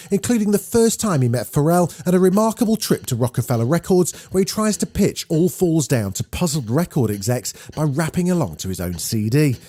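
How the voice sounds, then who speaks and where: A man hosting a daily news podcast, reading scripted news in a brisk, lively way. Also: fairly high pitch.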